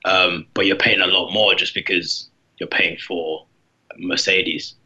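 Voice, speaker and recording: A man's voice: low-pitched, little pitch movement, unhurried, bright, forceful tone, dull audio. A young man chatting casually, hesitant and repeating words as he makes his point. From London, United Kingdom. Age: young adult. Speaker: intern, co-host. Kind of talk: casual chat.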